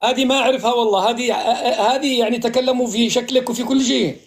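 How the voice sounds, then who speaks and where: Quick, high-voiced man from Morocco hosting. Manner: measured, advising and reassuring. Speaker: live-stream host. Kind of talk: casual live-stream chat.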